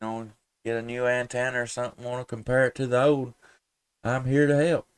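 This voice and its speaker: Speaking a bit quickly at a medium pitch with little variation, the man sounds smooth, with no room sound at all. He's a courteous, folksy amateur radio operator from southern Middle Tennessee, live streaming his calls and easygoing contacts, spelling out call signs and using radio jargon.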